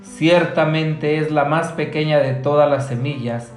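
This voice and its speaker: Priest guy reading scripture real slow, kinda high voice, big church echo. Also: steady tone, soft background music. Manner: slow, measured liturgical reading. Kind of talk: reading the Gospel and giving a homily.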